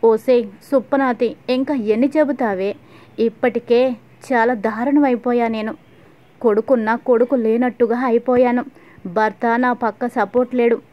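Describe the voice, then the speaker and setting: A bitter middle-aged mother lashes out in angry, scolding bursts, as a woman narrator reads her. The voice stays high and flat in pitch. The sound is dull and lo-fi. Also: moderate pace, close to an everyday voice. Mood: furious.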